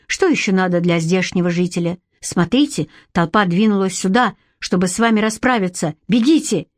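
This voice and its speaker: A woman voicing a calm, secretive adult man in an audiobook. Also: medium pitch, no room sound, clean studio sound, natural voice. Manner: calm, level.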